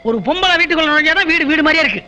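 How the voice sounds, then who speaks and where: Quick, cheeky man in film comedy. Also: very high voice, bright, forceful tone. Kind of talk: 1980s Tamil film comedy acting.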